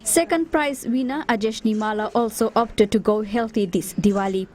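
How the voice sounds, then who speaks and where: A woman's voice: fairly high pitch, moderate pace, a little mellow. A woman reading a scripted news report.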